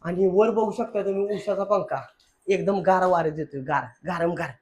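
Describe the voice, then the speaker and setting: A man's voice: high voice, steady tone, moderate pace. Playful young man. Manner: playful, jokey banter with his wife. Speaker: vlog host. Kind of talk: casual family vlog chat. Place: home room.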